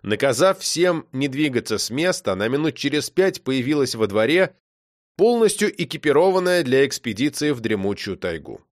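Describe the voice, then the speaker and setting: Male narrator, audiobook reading, lively pitch, dry close sound. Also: moderate pace, no echo. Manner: expressive storytelling. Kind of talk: audiobook reading of a children's story.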